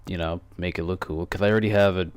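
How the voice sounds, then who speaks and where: A teenage boy, a gaming YouTuber, casually comments on an online game battle, a bit out of breath as he rambles, corrects himself and throws in quick asides. His voice sits low and is smooth with fairly even intonation, on a dry recording.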